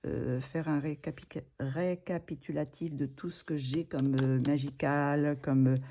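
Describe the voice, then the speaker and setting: Low, mellow-voiced woman chatting casually. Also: fairly even intonation, unhurried. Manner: hesitant, many fillers and restarts. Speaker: art supplies vlogger. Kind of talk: casual haul video.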